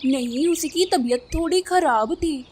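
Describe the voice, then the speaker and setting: A woman's voice: high voice, unhurried, a little mellow, slight background noise, voice pushed up. A woman doing a good-natured cartoon crow husband. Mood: friendly. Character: friendly, easygoing male crow husband.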